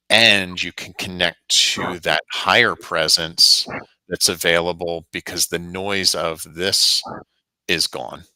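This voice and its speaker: A man giving a calm, reflective intuitive reading in easy conversation, laughing now and then. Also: low-pitched, no room sound, poor audio. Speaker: spiritual reader guest.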